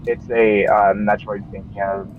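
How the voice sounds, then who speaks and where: A low-voiced man talks in an easygoing, chatty way over headset voice chat. The sound is dull and lo-fi. A faint hiss sits behind him. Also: flat delivery, unhurried. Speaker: co-host on a gaming stream. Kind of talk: casual chat.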